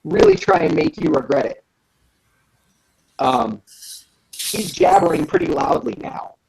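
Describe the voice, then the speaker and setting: A woman narrating as game master of a tabletop game, relaxed and hesitant with frequent ums. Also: medium pitch, unhurried, creaky, rough recording.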